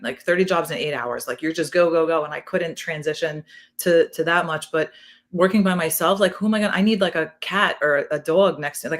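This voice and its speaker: A middle-aged woman with a New York accent, a retired police detective telling animated stories in a casual interview, with a lot of "like". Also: lowish voice. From South Queens, New York City. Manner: animated, fast, peppered with "like".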